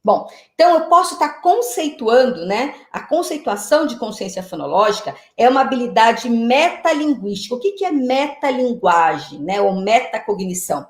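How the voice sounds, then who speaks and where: A woman with a Brazilian Portuguese accent, giving an online lecture to teachers. She explains step by step and often adds "né?" and "tá?". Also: fairly high pitch. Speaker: teacher trainer. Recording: roomy echo.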